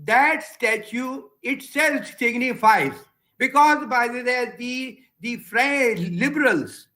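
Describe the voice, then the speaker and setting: This is an Indian English-speaking man lecturing at a webinar over a video call. His voice sits very high and sounds bright, and he moves at an unhurried pace. He keeps repeating his key words as he builds each point. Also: rough recording. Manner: slow, repetitive lecturing, circling back to key words. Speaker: guest speaker, senior advocate.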